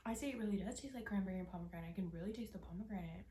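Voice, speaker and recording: A young woman chatting casually while she eats on camera, candid and swearing offhandedly, often dropping into soft whispered asides. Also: medium pitch, rapid-fire, reverberant. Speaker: mukbang vlogger. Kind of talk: casual mukbang chat while eating.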